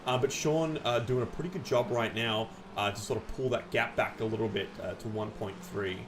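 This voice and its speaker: A man's voice: on the low side, a little fast, music in the background. A man co-commentating a sim race with teasing, playful banter.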